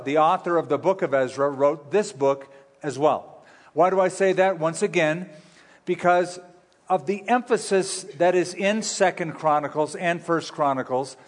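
A pastor preaching at a pulpit microphone in a church sanctuary, teaching in a conversational, folksy way with light humor. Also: male voice, fairly high pitch. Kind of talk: sermon teaching. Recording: long reverb of a large hall.

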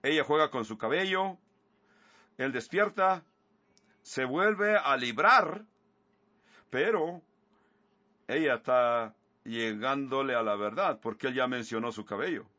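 A man's voice: medium pitch, animated, slow pace, long pauses, sharp tone, no room sound. A man preaching a sermon, earnestly retelling scripture with asides, on a slightly muffled recording.

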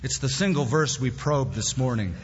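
A man's voice: mid-range voice, lively intonation, moderate pace, husky. A man preaching a sermon as pastor at a pulpit microphone in a church sanctuary, talking in a conversational way with plain-spoken asides. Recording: echoey hall, dull lo-fi sound.

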